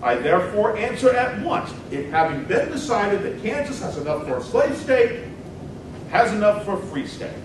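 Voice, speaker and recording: In a dramatic reading of a stump debate speech, a man portrays a combative senator from the 1800s, very animated, argumentative, formal and emphatic in a high-pitched voice at normal speed. He is picked up from afar in a heavily echoing hall with obvious rumbling in the background.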